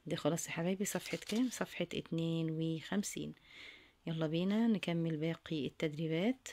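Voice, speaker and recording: A woman with an Egyptian accent walks students through workbook answers at a quick clip. Her voice sits a little low for a woman. She reads each question, dictates the answer and then says it again. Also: dark tone, a little hiss or hum. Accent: Egyptian Arabic. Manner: addresses students fondly, repeats each answer. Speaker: teacher.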